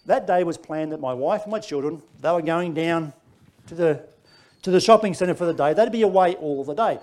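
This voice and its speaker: A middle-aged Australian man preaching, telling a personal story with lively, laughing delivery. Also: fairly high pitch, fairly quick. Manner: animated storytelling, laughing through lines. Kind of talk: sermon testimony.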